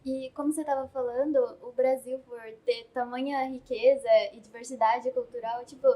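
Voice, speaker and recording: A Brazilian woman co-hosting a school interview, asking questions in a measured, thoughtful way. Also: high-pitched, little pitch movement, dark tone, low-quality recording. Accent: Brazilian Portuguese. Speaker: student co-host.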